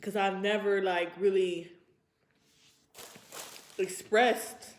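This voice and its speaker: At a very slow pace and with a steady tone, a woman in her 20s chats to her vlog viewers in a rambling, introspective, informal style. Her pitch is medium, and the audio sounds roomy and echoey.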